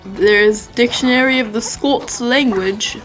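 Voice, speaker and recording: A woman's voice: fairly high pitch, takes it slowly, a bit bright, faint music behind, poor audio. A woman chatting casually while playing a game, teasing and giggly. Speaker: co-player. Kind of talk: casual gameplay banter.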